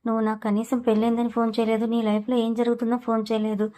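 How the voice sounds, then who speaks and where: A woman narrator playing a playful, prying young friend in a storybook who teases with cheek. The lines come fast and level, in a slightly high voice. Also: completely flat delivery, mellow, lightly acted. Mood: teasing.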